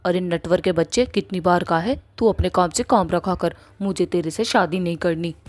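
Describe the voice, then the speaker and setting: Woman voicing a feisty, sharp-tongued young woman. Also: fairly low pitch, moderate pace, natural voice. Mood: angry. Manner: blunt, scolding, threatening.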